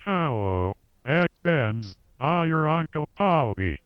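Halting, very slow-spoken odd foreign uncle, echoey. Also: male voice, on the high side, sing-song, smooth, phone-quality sound. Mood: stilted, halting. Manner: halting, repeating set phrases. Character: odd foreign uncle who repeats himself haltingly, stuck like a machine. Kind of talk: radio play acting.

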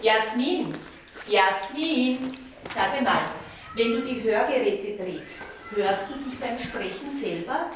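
A middle-aged woman with an Austrian accent leads a classroom talk with hard-of-hearing students. She speaks a little high, patiently repeating each answer. The room rings with heavy echo and some background noise. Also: expressive, slow pace. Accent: Austrian German. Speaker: teacher.

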